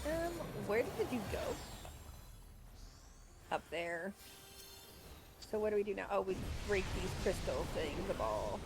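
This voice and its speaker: A woman streaming an online game, chatting casually with a co-player, excitable and giggly with plenty of swearing. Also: medium pitch, measured pace, pauses often, music in the background. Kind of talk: casual live gameplay chat. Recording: noisy stream audio.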